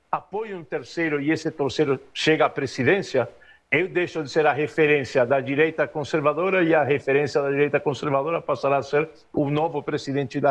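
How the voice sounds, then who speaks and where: A man's voice: fairly high pitch, dry recording. Argentine-born man analyzing politics, dry sound. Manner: measured, analytical, with frequent hesitations. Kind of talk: political interview commentary.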